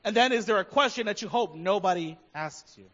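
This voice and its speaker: A man's voice: sits high, animated, fairly quick, fairly bright tone, muffled recording. A man preaching a sermon as pastor, talking conversationally and asking his listeners many questions.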